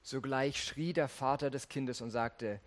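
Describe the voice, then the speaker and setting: A man's voice: medium pitch, steady tone, a little slow. A man preaching a sermon, reading scripture and earnestly speaking straight to his listeners. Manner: earnest, addresses listeners directly.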